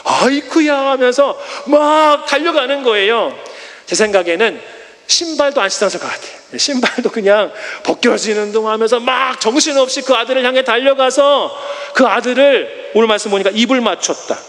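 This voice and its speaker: A man's voice: very high voice, fairly quick, long reverb tail. A male pastor giving a Sunday sermon, telling the story animatedly with rhetorical questions. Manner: animated storytelling with acted quotes. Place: church sanctuary.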